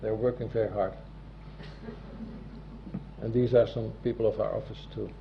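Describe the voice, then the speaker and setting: A man's voice: fairly low pitch, little pitch movement, moderate pace, vocal fry. Dutch-accented man presenting, muffled noisy recording. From Netherlands. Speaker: civil law notary giving a presentation. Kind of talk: formal presentation, partly read from a script. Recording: dull, muffled audio with loud background noise.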